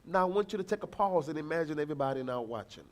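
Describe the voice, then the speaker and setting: A man preaching a sermon as pastor, telling a family story and acting out the people in it, with bursts of shouting. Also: on the high side, rapid-fire. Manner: animated, acts out voices, shouts encouragement.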